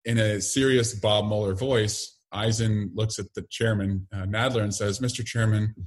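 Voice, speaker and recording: Low-voiced man answering in halting speech. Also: steady tone. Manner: halting, many fillers and restarts. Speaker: interview guest, congressman. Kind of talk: casual interview answers.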